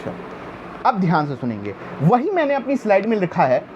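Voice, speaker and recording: High-voiced male teacher, lo-fi recording. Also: huge pitch swings, a little fast, darkish tone. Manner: asks the class questions and answers them himself; keeps telling listeners to pay attention. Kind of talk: exam-prep history lecture. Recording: dull lo-fi sound with faint background noise.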